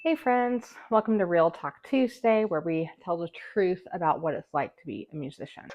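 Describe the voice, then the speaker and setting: A music teacher and musician hosts a scripted, direct-to-camera vlog, giving emphatic, encouraging advice to fellow musicians. A retainer gives her a slight lisp. Her fairly low voice moves at a moderate pace, and the recording is muffled and very noisy.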